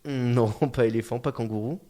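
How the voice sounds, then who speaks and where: A man's voice: medium pitch, steady tone, moderate pace, dark tone. A man hosting a casual podcast chat in a radio studio, joking, laughing often and trailing off with fillers. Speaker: podcast host.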